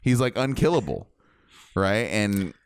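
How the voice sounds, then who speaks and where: Lowish smooth man on a podcast. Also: a little slow, dry recording. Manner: animated, rambling, jokey. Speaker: podcast co-host. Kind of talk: casual film review chat.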